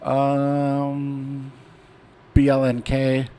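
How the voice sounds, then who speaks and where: A man's voice: mid-range voice, completely flat delivery, very slow, dark tone, a little hiss or hum. A young man hosting a casual trading livestream, talking loosely with lots of fillers and slang. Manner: laid-back, rambling, slangy with many fillers. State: hiccuping. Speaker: stock trading stream host. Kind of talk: casual livestream chart talk.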